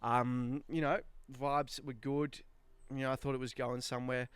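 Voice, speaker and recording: Young man, clear voice, close dry sound, casual podcast banter, slangy swearing. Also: medium pitch, flat delivery, moderate pace, dry recording. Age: young adult. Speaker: podcast co-host.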